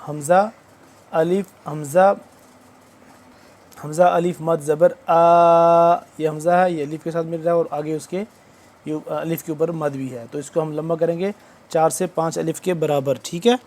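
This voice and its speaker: A man teaching Quranic recitation word by word. He draws out each recited word slowly, then explains the rules in quick speech. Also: fairly high pitch, steady tone, a little mellow. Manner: alternates slow drawn-out recitation with quick spoken explanations.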